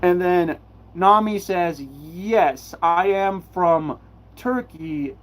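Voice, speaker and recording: A man with a high, expressive voice hosts a live-stream Q&A, reading chat messages out loud. His answers come haltingly, and he repeats himself a lot.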